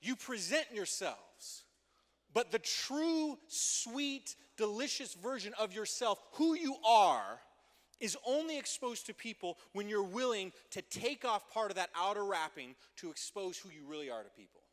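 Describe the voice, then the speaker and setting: A man preaching a youth group sermon as youth pastor, playful and energetic, joking with the teens before turning earnest. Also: high voice, unhurried. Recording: long hall reverb.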